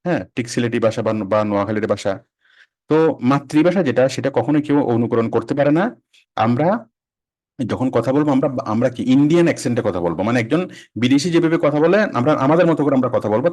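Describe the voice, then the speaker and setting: A man teaching a casual online class, quick and conversational, repeating and restarting phrases. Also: mid-range voice, darkish tone. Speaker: freelancing instructor.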